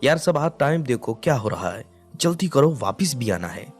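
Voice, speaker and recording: A man's voice: medium pitch, sing-song, moderate pace, breathy edge, soft background music, voice pushed up. A man voicing a young husband who grumbles but dotes on his wife. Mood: affectionate. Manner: grumbling, affectionate.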